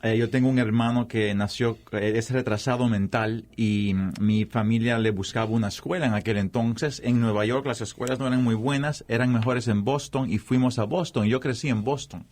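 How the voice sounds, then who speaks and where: A Cuban-born man in his forties, a guest answering interview questions thoughtfully, with frequent pauses and restarts. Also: mid-range voice, steady tone, darkish tone. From Cuba. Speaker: guest, academic.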